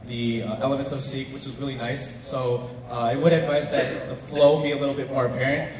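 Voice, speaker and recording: A man judging a dance competition, giving emphatic, animated live feedback that stresses key words. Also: medium pitch, brisk. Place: large hall at a live competition. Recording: echoey hall from far off with crowd.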